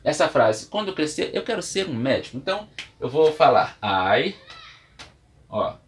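A man's voice: on the high side, very animated, moderate pace. A man with a Brazilian Portuguese accent teaching English at a whiteboard, explaining patiently step by step with examples and writing as he talks. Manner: writes and erases on the board while talking. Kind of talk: classroom lesson. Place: room with a whiteboard.

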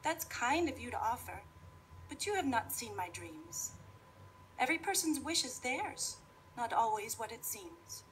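A woman's voice: a little high, very animated, measured pace, slight background noise, voice pushed up. A woman voicing a bold, self-assured young heroine in a rhyming storybook, speaking firmly.

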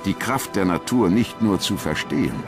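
A man with a very deep voice narrates a documentary, delivering a scripted text in a measured, solemn way but with lively intonation. Music is clearly audible behind him the whole time.

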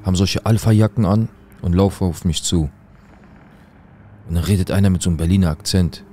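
A man telling his own life story in animated street slang, speaking to his listeners in a casual way. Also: low-pitched, a little fast, slight background noise.

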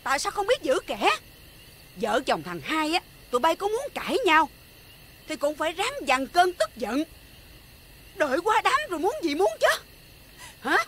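An actress playing a stern elder matriarch with a Southern Vietnamese accent, commanding and reproachful. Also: female voice, high voice, very animated, normal speed, long pauses, a bit bright, a little hiss or hum.

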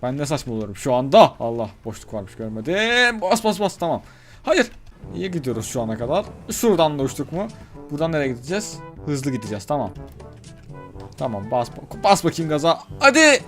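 A man giving let's play commentary as a gaming YouTuber, excitable, talking himself through the game and swinging between loud cheers and hushed muttering. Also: fairly high pitch, brisk, faint music behind.

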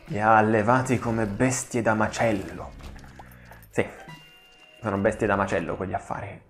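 A man hosting a gaming channel, giving excitable let's play commentary, swearing and pleading with the enemies on screen. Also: fairly low pitch, normal speed, soft background music.

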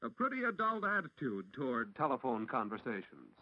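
A man's voice: medium pitch, wildly swooping pitch, brisk, dry recording. An American man narrating a 1940s instructional film like a newsreel narrator, in an instructive, approving way. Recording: dull, lo-fi 1940s film soundtrack.

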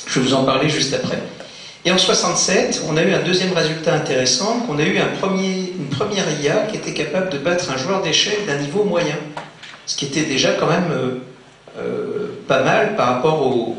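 Conference speaker, male, relaxed lecture delivery full of restarts, booming hall echo, faint hiss. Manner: conversational, many fillers and restarts, jokes with audience. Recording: very echoey hall, faint noise.

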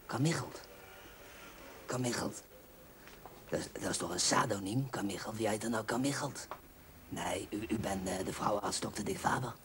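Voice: mid-range voice, a little fast, a bit bright, slight background noise, natural voice. A performer playing a pushy, leering book fan. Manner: insistent, keeps nudging with "hè?" and drops into sly whispers. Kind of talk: 1970s film comedy sketch.

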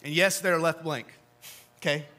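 Brief: male pastor, fairly high, forceful bright tone, earnest sermon delivery with soft low drops for emphasis. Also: steady tone, moderate pace. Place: church sanctuary.

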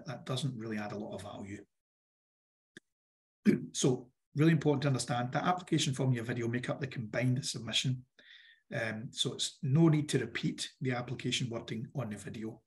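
A man with a mid-range pitch for a male voice leads a workshop on funding applications. His voice is croaky and he clears his throat now and then. His delivery is direct and instructive, and he keeps returning to the key points.

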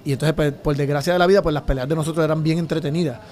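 A man in his thirties from the Dominican Republic, telling his story as a podcast guest in a small studio with his own mic, lively with sound effects. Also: a little high, a little hiss or hum. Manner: animated, fast storytelling with sound effects and gestures. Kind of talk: casual storytelling interview. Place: small studio with dark curtains. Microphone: studio mic on boom arm, headphones.

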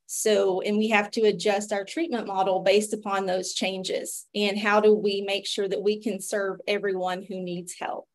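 A woman's voice: mid-range voice, little pitch movement, moderate pace, hardly any pauses. A woman in her thirties with an Appalachian accent, hosting and presenting a webinar as a physician over a video call. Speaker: webinar host, physician and pharmacist.

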